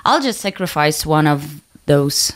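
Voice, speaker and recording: A young woman with a Ukrainian accent, a singer answering interview questions in halting English, often laughing. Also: deep voice, big pitch swings. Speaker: band singer, interview guest. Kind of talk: casual interview chat.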